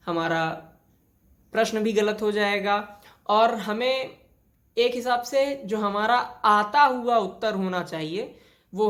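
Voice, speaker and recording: A woman teaching a grammar lesson, explaining each rule step by step and repeating it with many examples. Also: medium pitch. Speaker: Hindi teacher. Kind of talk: classroom lesson on spelling.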